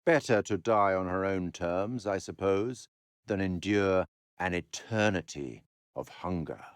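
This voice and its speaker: In a video game, an actor voices an urbane, sardonic male curator who narrates the fates of others with formal, wry theatricality, dramatic pauses, and a mournful mood. His voice sits low and clean, recorded dry at studio quality.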